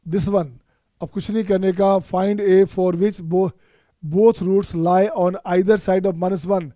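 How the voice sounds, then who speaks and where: A man's voice: sits high, steady tone, extremely slow, warm tone, no echo, clean studio sound. A man from India teaching math in an online exam-prep lecture, mixing Hindi and Indian-accented English and coaxing his students, whom he calls children, to solve each step themselves.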